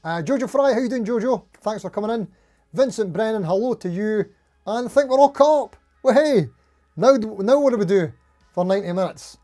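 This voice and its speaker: A man's voice: high-pitched, animated, brisk, dark tone. A man hosting a casual live stream, rambling in a jittery, over-caffeinated, self-deprecating way as he chats to viewers. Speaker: live stream host, guitar player.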